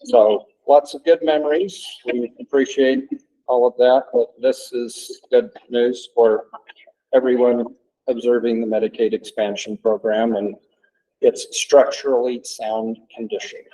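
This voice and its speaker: A man chairing a public committee meeting, running through agenda items and inviting comments in a measured, procedural way. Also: mid-range voice, fairly even intonation, dark tone, rough recording.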